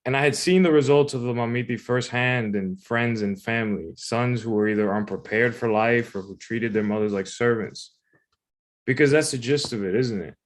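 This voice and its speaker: A man's voice: medium pitch, normal speed. A man reading his own personal essay aloud in a conversational, informal way. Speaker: writer reading own submission.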